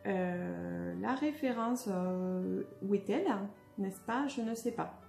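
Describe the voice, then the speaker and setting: Young woman vlogger, casual and halting, mellow tone, echoey room with faint music. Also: mid-range voice, gravelly. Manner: hesitant, many fillers and restarts. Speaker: beauty vlogger. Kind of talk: casual unboxing chat.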